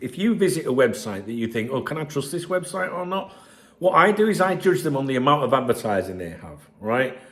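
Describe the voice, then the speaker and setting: A football channel host with a croaky voice from a chest infection gives sweary, sarcastic, casual commentary on a news article. His voice is medium in pitch.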